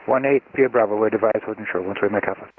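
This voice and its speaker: A man's voice: fairly low pitch, rapid-fire, no room sound. A man as a pilot calling air traffic control over the radio, in clipped radio phrasing with hesitant fillers. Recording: tinny radio line with faint hiss.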